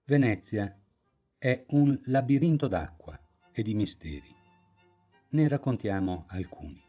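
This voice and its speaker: A man giving scripted documentary narration as a voice-over, in a slow, measured storytelling manner. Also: mid-range voice, expressive, mellow, lo-fi sound, faint music behind.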